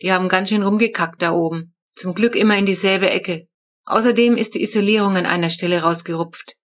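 A woman's voice: mid-range voice, brisk, close to an everyday voice. A woman reading a storybook, voicing an old male neighbor who speaks in a dry, matter-of-fact way.

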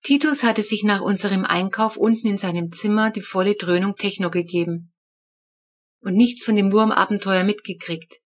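A woman reading a children's storybook aloud, telling the story in a lively first-person voice. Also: medium pitch, moderate pace. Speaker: audiobook reader.

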